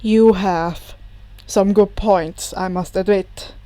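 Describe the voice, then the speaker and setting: A woman's voice: mid-range voice, fairly even intonation, takes it slowly, warm tone, no echo, pitched below the performer's own voice, lightly acted. A woman voicing a composed, courteous male supervillain mastermind who speaks in a formal, dryly polite way. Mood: conceding.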